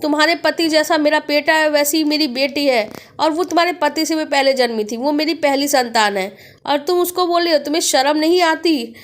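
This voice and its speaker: A woman voicing an older mother-in-law who shouts in distress in a storybook tale. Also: high voice, brisk, close to an everyday voice. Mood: anguished. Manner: shouting, pleading.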